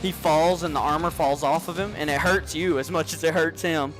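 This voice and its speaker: A man narrating as game master of a tabletop role-play game, excitable, with loud sound effects, over a headset. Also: on the high side, fairly quick, over loud music.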